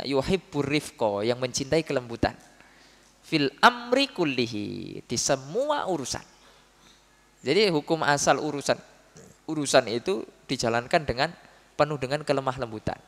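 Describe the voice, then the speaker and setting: A man giving a religious study talk, telling stories with lively acted quotes and often addressing his listeners as "Pak". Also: mid-range voice, measured pace, long pauses. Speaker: preacher. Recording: long hall reverb.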